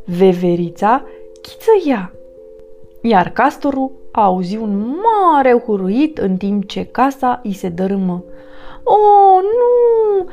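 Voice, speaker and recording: A woman reading a children's picture book aloud, gentle and expressive. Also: on the high side, highs cut off. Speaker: storyteller.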